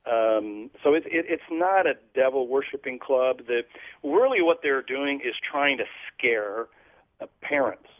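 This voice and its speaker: A man from Portugal with an animated, unhurried, mid-range voice and no echo, heard over a tinny phone line. As a guest on a radio interview, this children's ministry leader earnestly explains his ministry.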